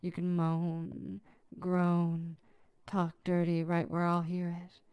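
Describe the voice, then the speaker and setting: A woman performing a sensual ASMR role-play for adults, purring intimately as if right in the listener's ear, with slow, deliberate, lingering phrasing. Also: fairly low pitch, completely flat delivery, smooth, no room sound, highs cut off.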